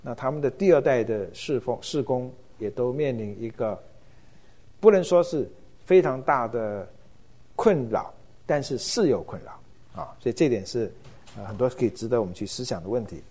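A middle-aged man teaches in a relaxed, unhurried lecture. His voice is mellow and warm, and he often pauses with hesitation fillers as he thinks aloud. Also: medium pitch, breathy edge. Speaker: church ministry lecturer. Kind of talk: informal lecture.

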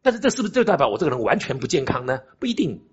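Older male pastor, very husky voice, lively swooping pitch, preaching emphatically with rhetorical questions; dull lo-fi recording. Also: racing. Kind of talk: sermon.

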